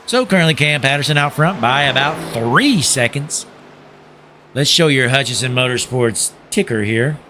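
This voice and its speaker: Bright-voiced sim racing commentator, a man. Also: mid-range voice, expressive, moderate pace, a little hiss or hum. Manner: folksy, joking, says "folks" often. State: losing his voice. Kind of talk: play-by-play commentary.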